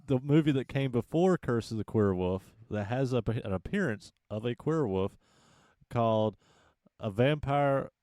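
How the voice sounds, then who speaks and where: A man's voice: mid-range voice, animated, unhurried, a little mellow, dry recording. A man co-hosting a casual movie podcast, teasing and enthusiastic, on a close, dry mic. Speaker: podcast co-host.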